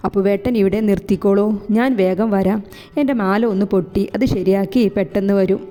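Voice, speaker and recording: An earnest, headstrong young college woman, voiced by a woman reading a romance novel aloud. Mellow, soft tone. Echoey room, faint music behind. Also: mid-range voice, steady tone, fairly quick, close to an everyday voice. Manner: earnest, pleading. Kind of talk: audiobook character voice.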